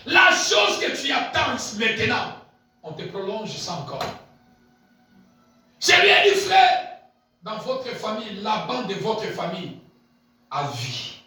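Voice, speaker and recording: A man preaching a sermon as pastor, swinging between shouted peaks and low murmured asides and repeating key phrases. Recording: very echoey hall, voice picked up from a distance.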